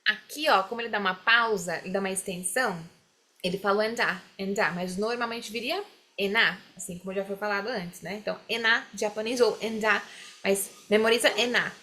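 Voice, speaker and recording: A woman teaching English, explaining phrases slowly and having students repeat them. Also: mid-range voice, bright, forceful tone. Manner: drills phrases slowly, mixes English lines into Portuguese explanation. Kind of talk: classroom explanation.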